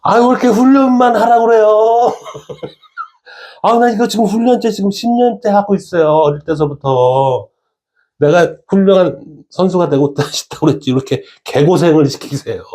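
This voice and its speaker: A man's voice: on the high side, fairly quick, hardly any pauses, warm tone, voice pushed up, lightly acted. A man voicing a young athlete who whines and complains about years of endless training. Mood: whining. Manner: whiny, complaining.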